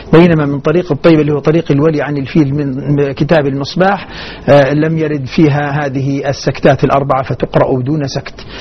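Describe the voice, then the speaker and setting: A man's voice: fairly high pitch, slightly rough. A man teaching the readings of the Quran, explaining each difference plainly and chanting short verse examples. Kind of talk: radio lesson on Quran reading variants. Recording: dull muffled radio broadcast.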